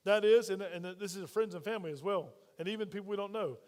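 Male pastor, high voice, lively sermon delivery with questions to the pews, long church reverb. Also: fast. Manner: energetic, calls out questions to the congregation.

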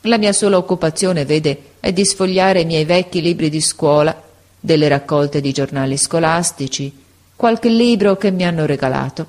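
A woman voicing a frail, gentle old male schoolteacher in an audiobook, speaking slowly and tenderly. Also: low-pitched, natural voice. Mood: sorrowful. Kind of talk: audiobook character voice.

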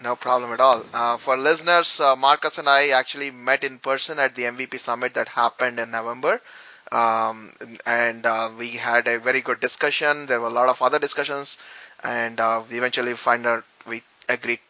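A man's voice: mid-range voice, fairly even intonation, fairly quick, pushed and bright, highs cut off. A man co-hosting a podcast interview, talking hesitantly with many ums and restarts. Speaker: podcast co-host.

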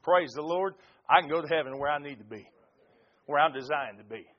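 A man's voice: on the high side, brisk. A man with a Southern US accent preaching a church sermon as a pastor, in an emphatic, folksy way. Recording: muffled, lo-fi sermon recording.

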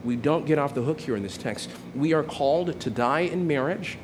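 A man's voice: fairly high pitch, normal speed, noisy background. A man in his forties preaching a sermon in a conversational way, often checking in with "right?" and restarting his phrases. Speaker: pastor.

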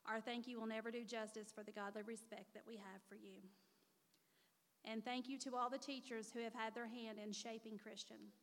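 Woman, 40s, mother of the honoree. Earnest, heartfelt prepared speech, slightly high voice, long reverb of a church hall. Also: level tone, normal speed. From Missouri. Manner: earnest, heartfelt, reading from notes.

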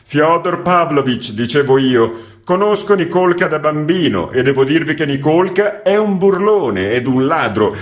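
A man's voice: fairly high pitch, animated, measured pace, voice pushed up. A man doing a pleading, rambling typesetter. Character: contrite, talkative male typesetter, family man.

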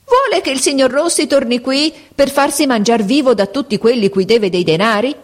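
A woman's voice: medium pitch, expressive, moderate pace, natural voice. A woman reading aloud voices an older woman concierge who talks in an ironic, imperious, suspicious way.

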